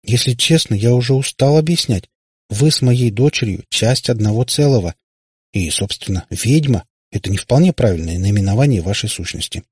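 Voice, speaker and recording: A man's voice: medium pitch, expressive, fairly quick, darkish tone, husky, dry recording, studio quality. Man doing a weary, rambling warlock father. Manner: rambling, pedantic.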